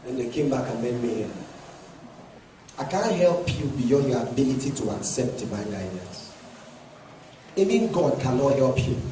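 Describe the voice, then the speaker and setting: A male pastor preaching a sermon, often rising to shouted emphasis. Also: medium pitch. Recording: echoey hall from far off, faint noise.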